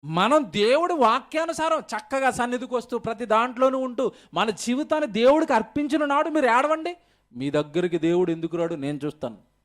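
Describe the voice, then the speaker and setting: A man's voice: very high voice, animated, fairly quick, a bit bright. A male pastor preaching an emphatic sermon at a church service, firing rhetorical questions at the congregation.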